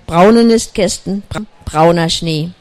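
A storyteller reading a children's story aloud in a calm, unhurried way, with small slips. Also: mid-range voice.

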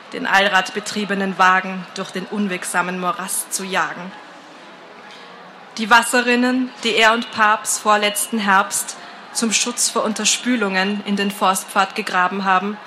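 Woman narrator, story reading, slow, bright, calm. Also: medium pitch, slight background noise, low-quality recording. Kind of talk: scripted first-person story narration.

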